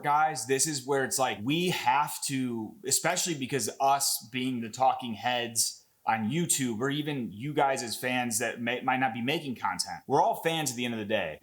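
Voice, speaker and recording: A young man talking casually and excitably as he breaks down a fight clip, rambling with lots of fillers and swearing. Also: mid-range voice. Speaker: MMA content creator.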